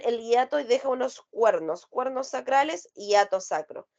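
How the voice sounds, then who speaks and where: A woman delivers an anatomy lecture, pitching questions to her class and answering them herself. Her voice sits fairly high. The recording has a slightly muffled, lo-fi quality. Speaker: anatomy teacher. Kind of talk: explanatory lecture. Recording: slightly dull lo-fi sound.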